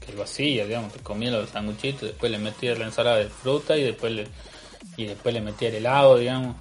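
A man in a casual chat, talking with many pauses and restarts. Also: medium pitch, steady tone. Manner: hesitant, many restarts and fillers.

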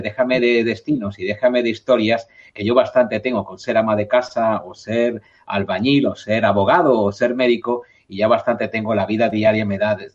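Low-voiced male radio host. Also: husky, muffled recording. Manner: conversational, reading listener messages aloud. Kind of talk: radio talk show hosting.

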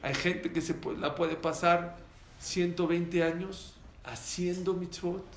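A man telling a lively sermon story as a religious teacher to a small audience. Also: high voice, takes it slowly. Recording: echoey room, faint background noise.

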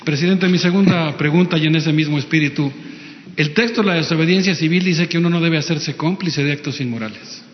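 A man's voice: on the high side, fairly quick. A man with a Mexican accent, a reporter putting long, formal, argued questions at a press conference. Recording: echoey, dull lo-fi hall.

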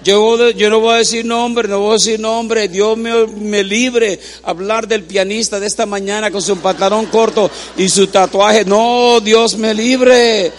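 A man's voice: sits high, steady tone, measured pace, few pauses, slight background noise. A man preaching a humorous sermon in a church, joking with the congregation and having them repeat words after him.

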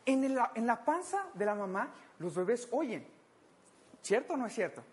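A woman's voice: on the high side, very animated, normal speed. A woman with a Mexican accent preaching a conversational sermon, playful and jokey, acting out little scenes for her listeners. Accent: Mexican Spanish.

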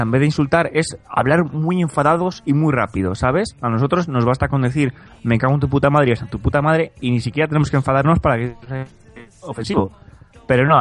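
A man from Spain hosting a comedic chat segment, rambling and joking with frequent laughter. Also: medium pitch. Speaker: podcast segment host.

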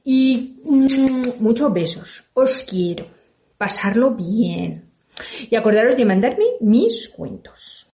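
A woman who works as a reporter and storyteller, telling a children's tale aloud in a lively, playful way and acting out the characters. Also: a little high, slow pace, roomy sound, a little hiss or hum.

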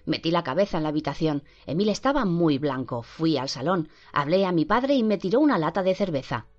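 Una mujer lee con voz propia a un niño maltratado que relata, tenso y entrecortado, su encierro. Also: female voice, sits low, animated, fairly quick, a little mellow, voice pushed up. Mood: fearful. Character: frightened abused young boy recounting. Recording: dull lo-fi with faint music.

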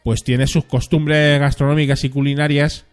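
A man's voice: on the high side, little pitch movement, moderate pace, clear, resonant tone, faint music behind. A man hosting a casual live stream, reading chat messages aloud and rambling in a chatty way with frequent questioning tags. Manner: rambling, chatty, ends phrases with a questioning tag.

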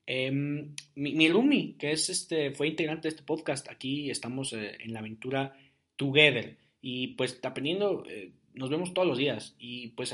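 A young man talks alone into his podcast mic. He rambles in a loose, chatty way and fills his talk with fillers. His voice sits at an ordinary middle pitch. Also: a bit bright. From Jalisco, Mexico. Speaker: podcast host. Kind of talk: casual solo podcast monologue.

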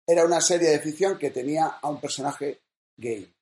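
A man's voice: on the high side, fairly quick, warm tone. Man chatting through news items, echoey room. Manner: reads news items in a conversational way. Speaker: co-host. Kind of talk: casual news chat. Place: small room at home.

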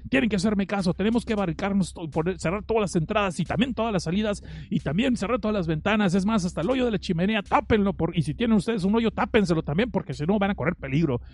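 Rich: A man playing a tough, muscle-bound man who gives orders. He barks commands at a group and sounds a little higher than usual. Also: fast, hardly any pauses, a little mellow. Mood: commanding. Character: tough muscular adult man barking orders.

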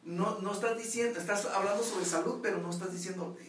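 A Mexican man mentoring a group, speaking in an emphatic, instructive way and often checking he is understood. His voice sits a little high for a man. He is heard from a distance in an echoey room with faint background noise. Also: fairly even intonation, a little fast, a bit bright. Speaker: mentor leading a group session. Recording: echoey room, far from the mic.

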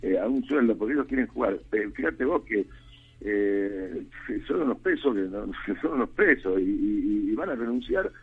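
A man's voice: lowish voice, expressive, slightly rough. Argentine man on a tinny phone line. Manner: halting, many restarts and fillers, earnest. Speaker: rugby head coach interviewed by phone. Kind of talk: casual phone interview. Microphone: telephone.

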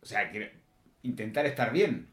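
A man in a casual podcast chat, expressive and quick to laugh. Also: fairly low pitch. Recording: echoey room.

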